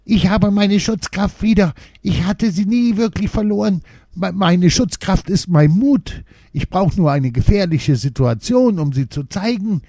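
A squeaky tiny stammering dwarf. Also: male voice, slow, vocal fry, warm tone, no room sound, clean studio sound, heavily acted. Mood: excited. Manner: stammering, hesitant. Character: tiny timid male protection dwarf.

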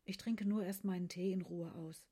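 A woman voicing a thin teenage schoolgirl who softly brushes off concern. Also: fairly low pitch, fairly even intonation, normal speed, lightly acted. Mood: evasive.

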